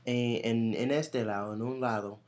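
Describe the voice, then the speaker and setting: A man with an American accent, a native English speaker, co-hosting a casual chat and often pausing to search for words. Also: medium pitch, steady tone, a little mellow. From United States. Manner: hesitant, searching for words as a learner. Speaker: podcast co-host. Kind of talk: casual conversation.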